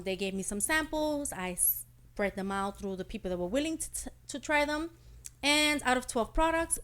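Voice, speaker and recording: Animated woman guest from Puerto Rico. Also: medium pitch. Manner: animated, laughs often, hesitant fillers when explaining. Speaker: interview guest, singer and skincare entrepreneur. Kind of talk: casual interview chat.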